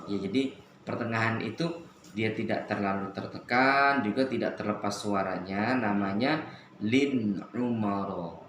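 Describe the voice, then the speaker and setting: A man teaching Quran recitation on the radio, slowly drawing out Arabic letter sounds as he demonstrates them. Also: fairly low pitch, a bit bright, reverberant, a little hiss or hum. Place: radio studio.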